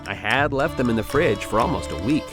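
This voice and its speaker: An actor playing a fussy, exasperated lab scientist, dramatic and swinging from dry deadpan to pleading in comic dialogue. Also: mid-range voice, fairly quick, over music, close to an everyday voice. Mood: dry, aggrieved. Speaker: actor in a comedy sketch.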